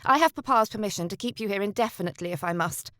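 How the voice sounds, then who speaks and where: A woman's voice: mid-range voice, racing, a bit bright, dry recording, studio quality, natural voice. A woman voicing a stern, controlling noblewoman sister who speaks in a clipped, curt manner.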